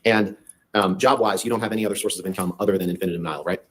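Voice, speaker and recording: Male courtroom lawyer, pressing and leading, raspy, delivering questions at high speed. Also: steady tone, very fast. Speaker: lawyer cross-examining.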